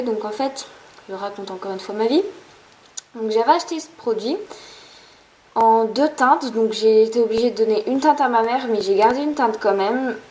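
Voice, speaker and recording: A woman's voice: on the high side, dark tone, a little hiss or hum, poor audio. A young woman chatting through a beauty haul in a casual vlog, rambling with lots of fillers and restarts. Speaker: beauty vlogger.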